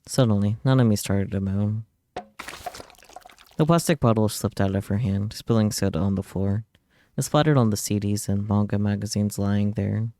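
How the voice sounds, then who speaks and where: A streamer with a lowish, mellow, steady voice reads visual novel text aloud at normal speed, adding wry, offhand commentary. The studio-quality recording has no room sound, with video game music playing behind him.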